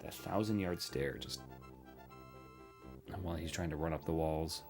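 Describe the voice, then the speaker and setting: A man's voice: extremely low pitch, measured pace. A man in his thirties giving casual commentary while playing a retro game, chatty and self-deprecating, often talking to the characters on screen. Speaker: gaming streamer. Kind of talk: casual let's-play commentary. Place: home desk setup. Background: game music.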